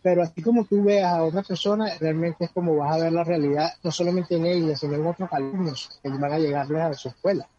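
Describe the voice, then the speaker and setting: A fast-talking man with a fairly high, dark voice and fairly even intonation barely pauses as he gives earnest, conversational personal-growth advice, repeating words as he searches. He's a guest speaker, recorded in dull lo-fi sound with faint background noise.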